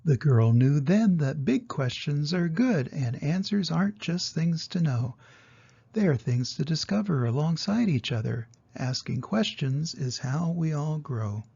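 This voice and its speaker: Reading a picture book to little children, this older grandfather explains things gently in a husky, creaky voice that is soft and mellow. He speaks at a fairly high pitch with a sing-song lilt, a little slowly. The recording comes across slightly dull and muffled.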